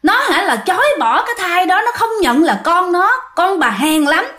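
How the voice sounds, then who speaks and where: A woman's voice: extremely high pitch, sing-song, moderate pace, a bit bright, roomy sound, voice pushed up, exaggerated voice. A woman with a Southern Vietnamese accent voicing a vengeful spirit speaking through a young man, scolding and accusing.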